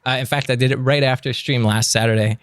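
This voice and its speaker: A man's voice: medium pitch, steady tone, fast, smooth, no echo, clean studio sound. A male streamer chatting casually on a live stream, self-mocking and swearing freely.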